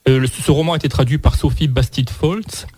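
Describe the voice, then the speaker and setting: A man speaking as a columnist on a radio book show, talking casually and in a halting way with many restarts. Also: medium pitch, steady tone, warm tone, husky, dry recording. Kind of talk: casual chat on air.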